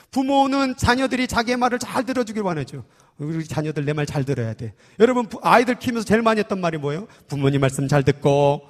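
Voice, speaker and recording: A man in his thirties preaching a sermon as pastor, talking conversationally and teasing the congregation with questions. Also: high voice. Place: church sanctuary. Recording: long church hall reverb.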